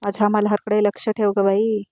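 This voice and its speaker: A bitter older aunt who blames and prays in turn, voiced by a woman in a recap. The lines come fast, in a dark, dry tone. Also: mid-range voice, completely flat delivery, no echo, close to an everyday voice. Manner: scolding, praying. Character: harsh, superstitious older aunt.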